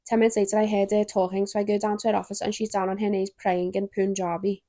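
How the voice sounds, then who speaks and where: A young woman hosting a podcast, chatty and giggly, breaking off a story reading to joke with her friend. Her voice sits in a middle pitch and sounds close and dry, with no room around it. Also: little pitch movement, mellow, no echo. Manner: chatty, giggly, reads with quick asides. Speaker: podcast host. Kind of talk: casual chat and reading stories aloud.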